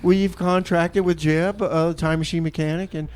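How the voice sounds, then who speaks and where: Speaking at a normal pace in a fairly high, steady voice with a darkish tone, this man runs a community radio show from his studio. There's slight background noise as he casually reads announcements and banters, addressing listeners as folks.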